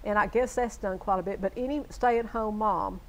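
A woman's voice: mid-range voice, steady tone, normal speed, poor audio. Folksy older woman host. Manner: chatty, agreeable, folksy. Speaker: talk show host. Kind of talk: casual TV interview chat. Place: local TV studio.

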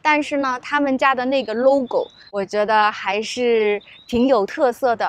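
A travel vlogger in her thirties from Shanghai, China, with a Shanghai Mandarin accent chats upbeat and directly to the viewer in a casual vlog. Her voice is on the high side at a moderate pace, captured by a small clip-on shirt mic in a mostly outdoor garden and wooden café, with soft music underneath.

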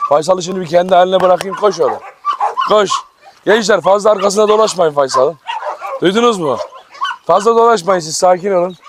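A man hosting a casual farm vlog, talking to viewers and coaxing his animals with fond, affectionate words. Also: high-pitched. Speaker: dog farm vlogger. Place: outdoor farm yard with dog cages. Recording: outdoor noise with barking dogs. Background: dogs barking.

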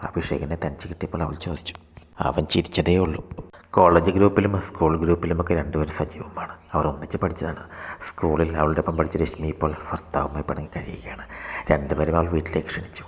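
A man narrating a short story aloud in a steady read-aloud manner. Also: very deep voice. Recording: long hall reverb.

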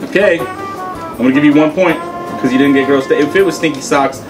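A man's voice: fairly high pitch, brisk, music in the background, rough recording. A man in his thirties hosting a casual, playful challenge game, bantering at a table indoors. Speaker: game show host. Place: indoor room at a table, seated.

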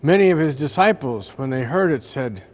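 Inside a large stone church, an older priest reads a scripted reflection aloud from a book. His delivery is slow and measured, with a medium pitch and lively intonation.

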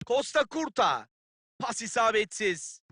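An actor playing a keen football play-by-play announcer in a video game, calling the match in clipped phrases. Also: male voice, extremely high pitch, big pitch swings, slow pace, sharp tone, no echo, heavily acted. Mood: keen, tense.

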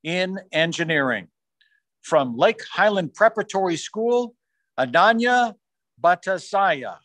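A man formally reading out science fair award winners on a video call, rising in pitch on each school name. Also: sing-song, a bit bright, no room sound. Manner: measured, formal announcing, rising on school names. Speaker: awards announcer. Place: small room on a video call. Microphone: video call microphone.

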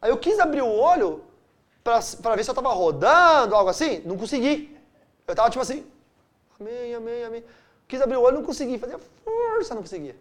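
A middle-aged man from Brazil, a pastor leading a Bible study, telling stories with big swings between loud and hushed. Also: very high voice, quick pace. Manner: animated storytelling with wide swings of loudness.

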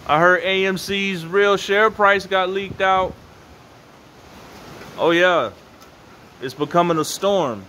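An American vlogger in his thirties rambles casually to camera in slang, repeating phrases for emphasis, holding his phone at arm's length in an open garage on a windy night. His high-pitched, sharp voice moves slowly with frequent pauses. The phone recording is noisy with outdoor ambience.

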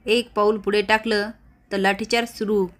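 A woman's voice: mid-range voice, level tone, normal speed, natural voice. A woman voicing a stern male village police officer who threatens and lectures the crowd. It is a spoken retelling of a TV serial. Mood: stern, threatening.

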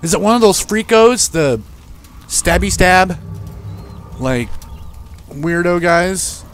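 A man's voice: high-pitched, expressive, slow pace, fairly bright tone, slight background noise. A young man commentating a horror game he is playing, swearing often and yelping in panic when monsters appear. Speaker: game streamer.

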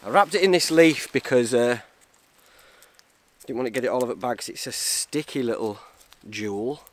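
Northern english guy doing a casual camping vlog outside, medium pitch, kinda muttering to himself as he goes. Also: moderate pace. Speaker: wild camping vlogger. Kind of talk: casual outdoor vlog chat. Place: outdoors in woods by a ruined brick building.

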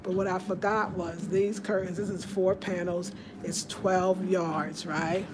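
A woman giving a chatty, excitable home tour to her viewers, filmed on a handheld phone in a small room. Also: lowish voice, measured pace, very noisy. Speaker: home decor vlogger. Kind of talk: casual home tour vlog. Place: small room of a house indoors. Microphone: handheld phone camera.

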